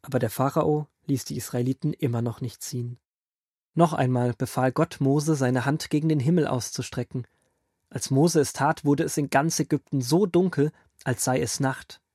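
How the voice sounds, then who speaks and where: A man narrating as a grandfather figure, reading a Bible story aloud in a calm storytelling manner for a children's audio drama. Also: medium pitch, moderate pace, slightly rough, no room sound, clean studio sound, lightly acted.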